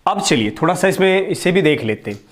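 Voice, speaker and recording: Higher-pitched man teaching, repeating himself. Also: animated. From India. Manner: explains slowly, repeats key words, asks and answers his own questions. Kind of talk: Hindi grammar lesson.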